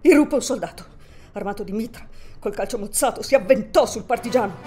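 A woman voicing a kindly seamstress in a theatrical reading, speaking gently to her guest. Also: on the high side, lively intonation, brisk, faint music behind, close to an everyday voice. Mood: tense narration. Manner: gentle in dialogue, rising to intense in narration. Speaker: reader voicing a character and narration.

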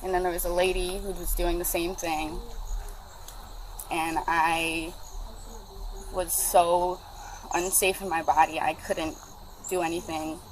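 A young woman talking to police outdoors, halting and distressed, caught on a body camera. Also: lowish voice, little pitch movement. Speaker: person being questioned by police. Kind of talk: bodycam footage. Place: outdoors in a yard. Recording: noisy bodycam audio outdoors.

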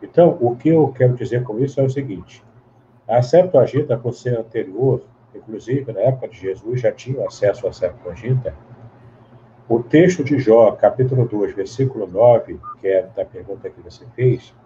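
A man's voice: medium pitch, moderate pace, dark tone. A man, explaining at length as an interview guest, in a teacherly way with many tag questions and restarts. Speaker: guest Bible scholar. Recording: dull lo-fi sound with faint hiss.

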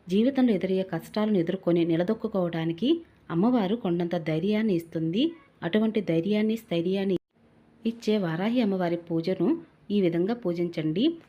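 A woman's voice: fairly low pitch, dark tone. A woman earnestly explaining a devotional ritual to her viewers, step by step and politely. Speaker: devotional channel host. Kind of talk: devotional pooja instruction.

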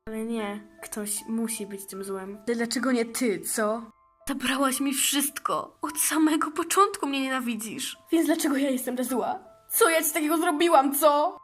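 A woman's voice: a little high, a little slow, a little mellow, breathy edge, faint music behind. A young woman voicing a bitter, misunderstood villainess pet in a fan-made toy drama, accusing and pleading by turns.

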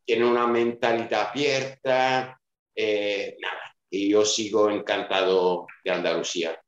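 A fairly low, steady, unhurried voice belongs to a Sicilian man in his fifties, a club director answering casual interview questions with an Italian accent. He hesitates and restarts with lots of fillers, speaking by video call webcam from a small room at home, where the audio sounds roomy and dull.

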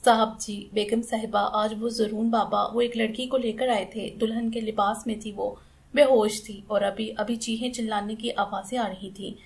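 Panicked male gatekeeper, breathless and halting, softer voice, read by a woman narrator. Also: a little high, flat delivery, vocal fry. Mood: frightened. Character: panting, trembling male gatekeeper.

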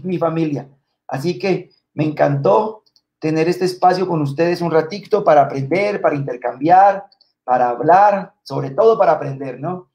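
A man hosting a live-streamed spelling trivia. He reads out viewer comments and names and thanks people warmly, with many fillers and repeated words. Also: high-pitched. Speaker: live quiz host.

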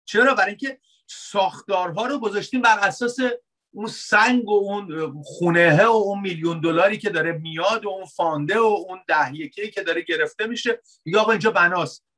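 A man delivers a sermon in an easygoing, talky way. His voice sits a bit high and sounds bright and forward. He poses rhetorical questions and slips into quieter, wry asides. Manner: conversational preaching with rhetorical questions, dropping to soft asides. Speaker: pastor.

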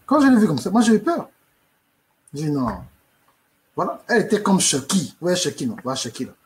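Animated male coach telling a story. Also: mid-range voice. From Africa. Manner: animated, repeats "no no no", acts out scenes. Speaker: life coach. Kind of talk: comic storytelling talk.

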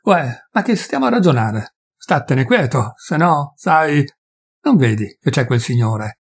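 A man voicing a stern, curt forest warden with a husky voice. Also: fairly high pitch, sing-song, a little slow, heavily acted. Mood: gruff. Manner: curt, gruff.

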